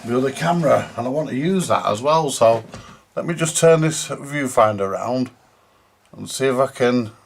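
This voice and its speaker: The host of a vintage radio repair vlog, a British man, grumbles casually and swears mildly to viewers as he works hands-on. His medium-pitched voice is animated at normal speed, slightly rough with vocal fry.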